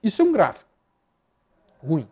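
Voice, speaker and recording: Man, Brazilian Portuguese accent, market analyst, blunt and slangy, warm mellow tone. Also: sits high, normal speed, vocal fry. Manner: blunt, animated, slangy, swears, repeats words rhythmically. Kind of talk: live market commentary over charts.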